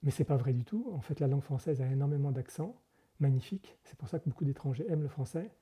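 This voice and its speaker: A man's voice: medium pitch, lively intonation, fast, warm tone, husky. A monk being interviewed, explaining things carefully and often hesitating, correcting himself as he goes. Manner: explanatory, hesitant with frequent fillers and self-corrections. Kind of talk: conversational interview.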